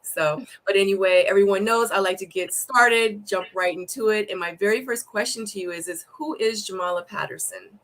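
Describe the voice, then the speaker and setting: A woman's voice: mid-range voice, normal speed, few pauses, a bit bright. A woman hosting her online talk show, upbeat and chatty, often saying "you know what I mean". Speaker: host.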